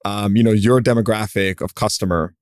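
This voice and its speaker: On a clean, dry studio recording, a business podcast host with a lowish voice speaks briskly and with fairly even intonation. He asks inquisitive questions in a relaxed way, sprinkled with fillers.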